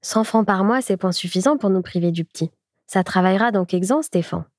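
A woman's voice: medium pitch, a little fast, a little mellow, no echo, studio quality, close to an everyday voice. A woman playing a shrewd, haggling peasant wife. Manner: rustic, calculating speech.

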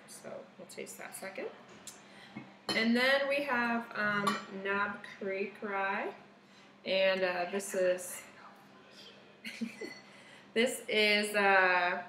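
A woman's voice: mid-range voice, bright, forceful tone, roomy sound, slight background noise. A woman co-hosting a casual whiskey tasting chat in a bar's party room, talking hesitantly with many fillers. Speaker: co-host, bar manager.

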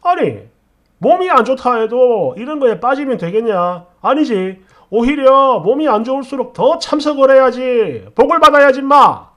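Bossy old father-in-law, loud and high when he scolds, put on by a man narrator. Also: animated, normal speed. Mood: furious scolding. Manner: shouting, scolding, demanding.

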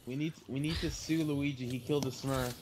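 A young man joking around and shouting callouts in casual voice chat while gaming with friends. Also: medium pitch, fairly even intonation, brisk, noisy background. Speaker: gamer recording a session with friends. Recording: game music clearly behind voice.

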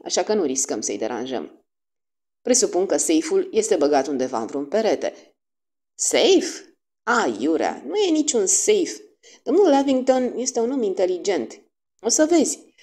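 A woman's voice: medium pitch, dark tone, voice pushed up, close to an everyday voice. Woman putting on a vain, fussy male detective. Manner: theatrical, drops French exclamations.

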